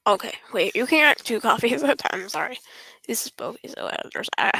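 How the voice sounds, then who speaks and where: A woman's voice: fairly high pitch, expressive, brisk, sharp tone, slightly rough, no echo. A woman streamer chatting to herself while gaming, joking and often dropping into whispers. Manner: jokey, self-interrupting. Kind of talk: casual gameplay commentary.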